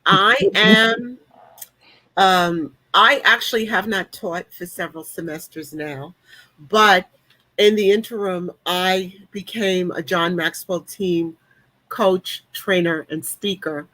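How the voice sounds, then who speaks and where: Late-sixties woman, upbeat panelist, chatty and warm-toned, dry mic. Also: fairly low pitch, slow, no echo, rough recording. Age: 60s. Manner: chatty, upbeat, with frequent ums. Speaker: panelist and leadership coach. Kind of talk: casual online panel talk.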